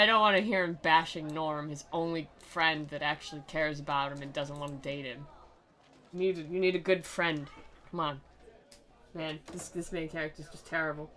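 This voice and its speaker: Sitting low in pitch, this woman's voice is bright and forceful. She narrates a video game with sarcastic, dramatic readings, mocking what she sees and prone to giggling.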